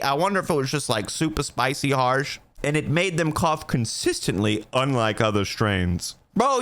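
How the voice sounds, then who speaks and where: A young man riffs on reviews in a joking, slangy way, calling the listener bro as he goes. His voice sits fairly high and swings up and down with animated energy. It sounds like a comedic commentary video. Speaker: YouTuber reading reviews.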